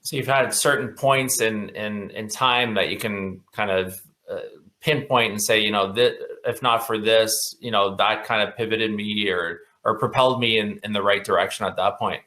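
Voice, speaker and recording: Bright-voiced man hosting an online event. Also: fairly low pitch, fairly even intonation, moderate pace. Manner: enthusiastic, heavy on "uh" fillers. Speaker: host. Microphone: video call mic.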